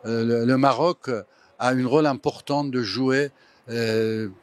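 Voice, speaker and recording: An older man from Iran, a photographer giving a slow, hesitant interview statement full of fillers. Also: mid-range voice, steady tone, dry recording.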